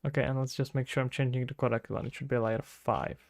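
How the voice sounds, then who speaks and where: Speaking fast in a level, medium-pitched voice, this Czech-accented man from the Czech Republic chats casually on a live stream while developing a game. He thinks out loud and fields viewer questions, and the recording carries no room sound.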